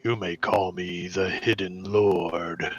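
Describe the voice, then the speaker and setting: A man voicing a spirit trapped in a shield that claims to be an angel, speaking in a booming voice that echoes for everyone to hear. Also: level tone, slow pace, lo-fi sound. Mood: grand. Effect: booming voice that echoes for all to hear. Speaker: game master.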